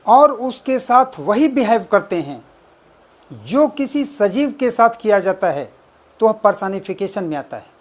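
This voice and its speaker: An exam coaching teacher explaining test answers, deliberately repeating and spelling out words step by step. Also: mid-range voice. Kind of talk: explaining exam answers, mixing English terms.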